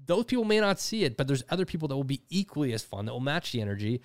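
A man's voice: medium pitch, big pitch swings, racing, dry recording, studio quality. A man in his thirties co-hosting a podcast, talking in a candid, self-deprecating way with the odd casual swear. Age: 30s. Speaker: podcast co-host. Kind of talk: casual reflective chat.

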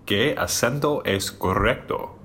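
A man's voice: lowish voice, slow, a bit bright. An actor playing a blunt young male student in a scripted audio drama.

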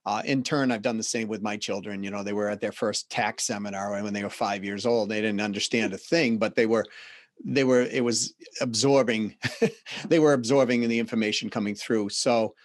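A man in his fifties with a Boston accent, a podcast guest telling stories in an earnest, reflective way with halting restarts. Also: fairly low pitch, steady tone, no echo, clean studio sound. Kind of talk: casual interview talk.

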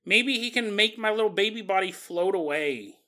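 A man's voice: high-pitched, lively intonation, moderate pace, bright, forceful tone. A man voicing a meek, confused baby ghost who asks puzzled, rambling questions.

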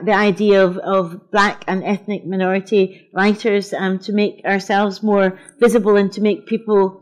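Scottish woman hosting a live panel. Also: medium pitch. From Scotland. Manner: thoughtful, laughs often, restarts words. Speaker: panel host at a literature festival. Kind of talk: live onstage conversation. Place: festival event before an audience.

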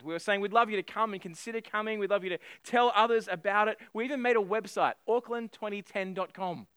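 High-voiced man preaching a sermon. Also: pushed and bright, clean tone, no room sound, studio quality. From Australia. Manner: storytelling with self-deprecating humor. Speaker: pastor.

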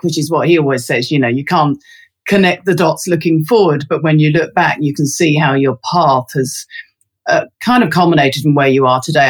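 A husky, low-voiced woman from London chats as an interview guest about resilience research. She comes across thoughtful, sprinkling in lots of ums and fillers.

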